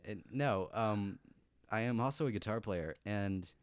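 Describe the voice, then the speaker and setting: A man's voice: on the low side, unhurried, smooth, dry recording, clean studio sound. A man co-hosting a casual podcast chat, musing and often restarting as he explains chords. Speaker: podcast co-host.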